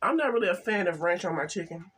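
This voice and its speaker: An older woman chatting casually to camera while eating, halting and soft-spoken, with some stutters. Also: on the low side, expressive, husky. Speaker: mukbang vlogger.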